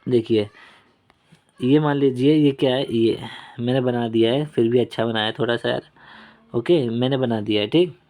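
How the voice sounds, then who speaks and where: In a casual Hindi-English exam lesson built on mnemonics, a man teaches vocabulary with a warm, medium-pitched voice at normal speed, leaving long pauses. He repeats key words, checks in with "okay?", and jokes self-deprecatingly about the drawings he makes on screen.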